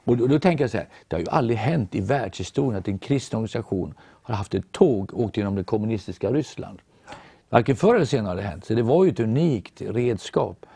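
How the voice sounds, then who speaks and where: Norwegian guy telling his faith story, low dark voice, acts out the quotes. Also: expressive, husky, no echo. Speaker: guest storyteller.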